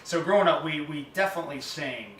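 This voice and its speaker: A man's voice: a little high, animated, fast, a bit bright, recorded from a distance. A man with an Alabama accent hosting a casual, playful interview with joking banter. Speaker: show host. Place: dressing room at a music venue. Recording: echoey room, off-mic, faint noise.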